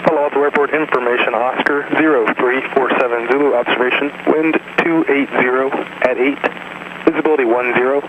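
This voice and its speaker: Airport weather broadcast: a male voice of middle pitch reading the report in even, clipped phrases. It comes through a muffled radio with noise behind it. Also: a little fast. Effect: airport weather broadcast heard over aircraft radio. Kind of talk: measured readout of weather and airport notices.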